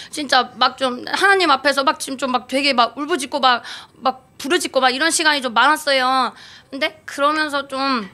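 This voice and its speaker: Woman in her 30s telling her church testimony, high voice, rambly, lots of fillers. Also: pushed and bright. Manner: rambling, many fillers and restarts, laughs often. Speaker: church member giving testimony. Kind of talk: spontaneous testimony talk. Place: church gathering.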